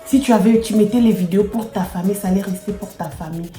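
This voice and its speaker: Talking fast in a dark, mid-range voice, a woman with a Congolese French accent vlogs casually to her subscribers. She's emphatic and repetitive, bragging playfully, while music plays in the echoey room where she records.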